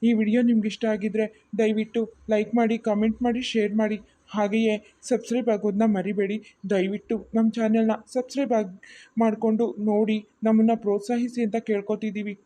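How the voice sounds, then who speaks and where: A woman's voice: medium pitch, little pitch movement, fast talker, dark tone. A woman hosting a cartoon channel, who addresses the viewers directly with a friendly, pleading appeal. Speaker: channel host.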